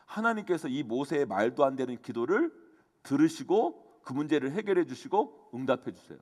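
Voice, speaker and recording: 열정적으로 설교하는 남성 목사. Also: male voice, mid-range voice, very animated, normal speed, darkish tone. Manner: fervent preaching, addresses the congregation often. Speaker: senior pastor. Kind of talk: sermon. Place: church sanctuary. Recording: long church hall reverb.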